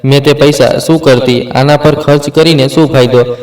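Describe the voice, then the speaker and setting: A man's voice: mid-range voice, fairly even intonation, moderate pace, a little mellow, close to an everyday voice. Harsh, scornful mother-in-law, a man reading, story reading, echoey and distant. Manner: cold and contemptuous. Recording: roomy echo, distant from mic.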